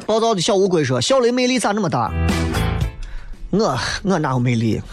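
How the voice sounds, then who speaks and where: Male chat-show host, high voice, blunt teasing delivery over loud guitar music. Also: big pitch swings, fairly quick. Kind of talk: casual chat answering listener messages.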